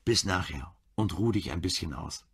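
A man voicing a caring woman, a doctor and wife, who speaks gently and pleadingly. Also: low-pitched, animated, normal speed, breathy edge, full character voice.

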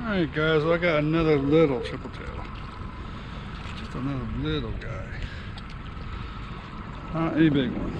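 Far offshore in a small open boat, an easygoing man in his forties narrates his fishing vlog, chatting with viewers and talking to the fish. His voice runs a touch high for a man. Clear wind and water noise sits under the action-camera recording.

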